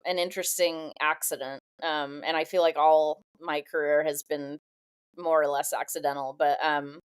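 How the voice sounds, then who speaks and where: A woman guest with a slightly low, even voice shares her life story on a podcast. She speaks candidly and reflectively, pausing and reaching for words with frequent fillers as she goes. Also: clear, resonant tone. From Southern California. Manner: thoughtful, candid, halting with many fillers.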